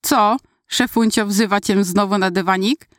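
A woman's voice: mid-range voice, a little slow, no echo, clean studio sound, close to an everyday voice. A woman doing a joking male office coworker. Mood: lively joking. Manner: wisecracking, excitable.

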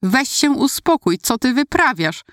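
A woman's voice: on the high side, lively intonation, measured pace, dry recording, studio quality, pitched above the performer's own voice. A woman doing a panicked young boy. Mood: alarmed, pleading. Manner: urgent, shouting pleas. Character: panicked eleven-year-old boy, bossy older brother.

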